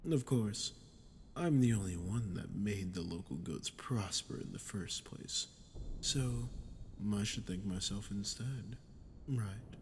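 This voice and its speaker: A slightly mellow, lowish male voice voices a smug, sadistic archdemon in a dramatic ASMR monologue, toying with the listener as a captive ruler. The taunting is slow, mocking, and condescending, punctuated by breathy drops, and a bit of hiss or hum is audible.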